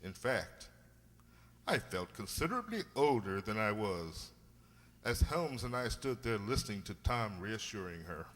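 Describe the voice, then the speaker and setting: A man playing an earnest, pompous, blustering gentleman doctor, a detective's loyal companion, in a radio play. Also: on the low side, sing-song, a little slow, full character voice. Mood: reflective narration. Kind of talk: radio play acting and narration. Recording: echoey hall.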